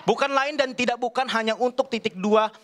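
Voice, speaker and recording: A man in his thirties from Kalimantan, doing a stand-up comedy set on a TV studio stage into a handheld mic, with an animated, rambling, slangy delivery. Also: extremely high pitch, a little fast, some chatter behind. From Kalimantan, Indonesia. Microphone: handheld microphone.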